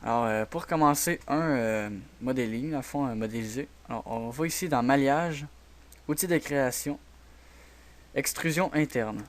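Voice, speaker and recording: A man with a Québécois French accent hosting a software tutorial, talking quietly and hesitantly with many fillers. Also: mid-range voice, normal speed. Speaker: tutorial host. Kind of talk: screen-recorded software tutorial.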